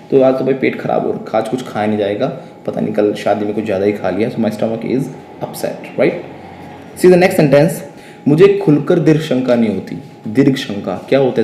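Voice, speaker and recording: A man's voice: mid-range voice, slight background noise. Echoey male English teacher. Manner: lively teaching, asks questions, dictates example sentences very slowly. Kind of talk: spoken English lesson.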